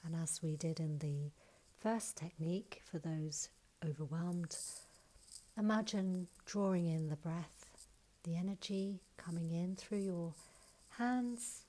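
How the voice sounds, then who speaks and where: A woman leading a guided breathing exercise, counting breaths and giving calm, soft instructions, sometimes close to a whisper. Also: lowish voice. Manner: slow soothing counting instructions.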